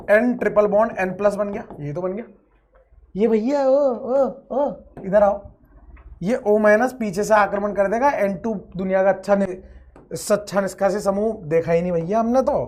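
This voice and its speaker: A high-voiced man gives an online exam-prep chemistry lecture full of energy and playfulness. He stretches out words and chants repeated phrases, swinging between loud outbursts and quiet asides.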